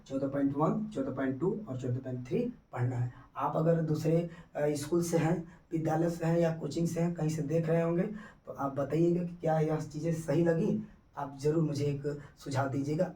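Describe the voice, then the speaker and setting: A man's voice: fairly high pitch, dark tone. A male teacher going through a syllabus chapter by chapter, repeating himself and checking that students follow. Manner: repetitive, checks students understand. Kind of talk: syllabus explanation lesson. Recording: echoey room, mic at a distance.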